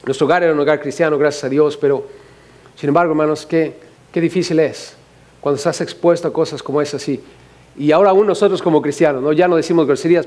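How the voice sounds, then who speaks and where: Brief: Mexican male pastor, fairly high voice, lively and joking, firing rhetorical questions at the pews. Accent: Mexican Spanish. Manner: animated, humorous, asks the congregation many questions. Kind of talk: sermon.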